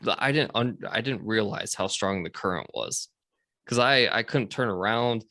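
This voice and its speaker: Relaxed, profane man telling a war story. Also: on the low side, moderate pace, dry recording, clean studio sound. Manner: rambling, profane, lots of fillers. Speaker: podcast host. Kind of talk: casual chat, storytelling.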